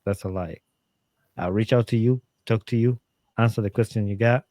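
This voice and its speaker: In a relaxed interview, a podcast guest from Uganda hands out advice with earnest energy, his voice slightly low and mellow. He keeps restarting and leans on "um" and "like" to fill pauses. It's a dry, close recording with little room in the sound.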